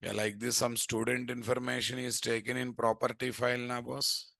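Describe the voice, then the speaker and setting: A man's voice: medium pitch, little pitch movement, moderate pace, creaky, pushed and bright, no room sound. A man with an Indian accent giving a live coding lesson as an instructor, often throwing in rhetorical questions. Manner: asks rhetorical questions, often repeating "what". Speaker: programming instructor. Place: indoors at a computer.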